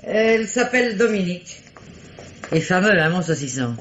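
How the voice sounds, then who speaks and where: In a dull old radio recording from a 1950s drama, an actress plays a chatty, gossiping village innkeeper woman who loves to talk. Her fairly low voice has lively intonation at normal speed and sounds close to everyday speech. A little hiss or hum is audible.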